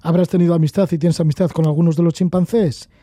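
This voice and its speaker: Male interviewer, high and warm-toned, dry close sound. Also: steady tone, fast talker, no echo. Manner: curious, direct questioning. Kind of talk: interview questions.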